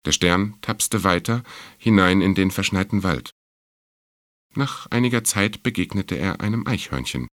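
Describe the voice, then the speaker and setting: A man calmly and gently reading a children's story aloud. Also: deep voice, measured pace, dry recording, studio quality.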